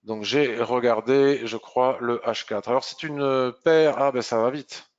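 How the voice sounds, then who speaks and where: A man's voice: mid-range voice, steady tone, measured pace, dull audio. Man thinking aloud over trading charts. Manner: thinking aloud, with hesitations and throat clearing. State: slightly hoarse, clearing throat. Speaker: trading analyst presenting a market review. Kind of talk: live market review, explaining charts.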